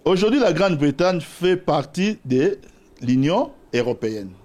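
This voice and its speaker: Slightly high and a little slow, a man's voice carries a Congolese accent. He is a political guest from Bas-Congo, DR Congo, arguing his case in a debate, animated and argumentative, quoting scripture.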